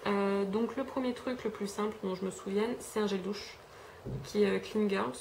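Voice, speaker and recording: This young beauty vlogger from France talks through a haul at a moderate pace, her mid-range voice creaky, a little mellow and fairly even in intonation. Recorded at home on a camera mic with slight background noise, she's chatty and rambling, full of fillers and self-corrections.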